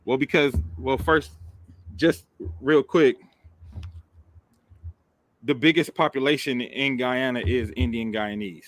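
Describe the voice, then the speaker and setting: A man's voice: mid-range voice, fairly even intonation, slow, long pauses, fairly bright tone. A man hosting a casual talk show, pressing his co-host with persistent, probing questions. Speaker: podcast host. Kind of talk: casual debate chat.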